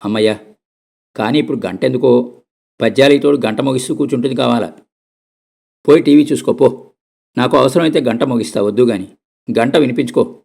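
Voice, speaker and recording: A man doing a gravelly, stubborn old woman. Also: mid-range voice, a little fast, long pauses, darkish tone. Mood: commanding. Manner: curt, scolding. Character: bedridden old woman, sharp-tongued, stubborn.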